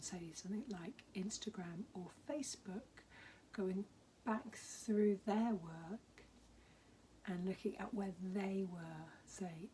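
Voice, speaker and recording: A hoarse woman with a husky, half-whispered voice, gently giving encouraging advice in a casual vlog. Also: on the low side, slight background noise, poor audio. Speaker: mentor.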